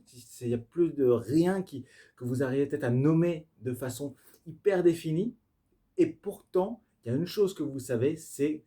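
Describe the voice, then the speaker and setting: Slow, mellow-voiced male tarot reader. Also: on the high side. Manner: searching, halting, with frequent fillers and restarts; effusive, spiritual, addresses viewers directly. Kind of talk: improvised tarot reading to camera.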